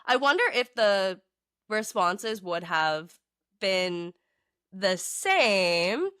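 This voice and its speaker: A woman's voice: medium pitch, big pitch swings, drawn-out words, pushed and bright, smooth, no echo, clean studio sound. A woman hosting a podcast interview, enthusiastic and friendly, laughing often. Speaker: podcast host. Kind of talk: casual interview chat.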